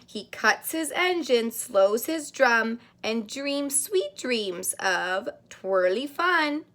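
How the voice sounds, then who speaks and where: A woman reading a picture book aloud to young children like a daycare teacher, in an expressive, sing-song way with drawn-out words. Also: on the high side. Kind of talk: animated read-aloud of a children's storybook.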